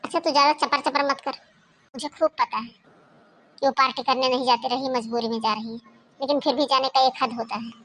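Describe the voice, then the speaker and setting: A woman voicing a scolding, greedy middle-aged mother-in-law in a cartoon, talking in a sharp, nagging, taunting way. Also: high-pitched, fairly even intonation, fairly quick, a little hiss or hum. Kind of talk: Hindi cartoon voice acting.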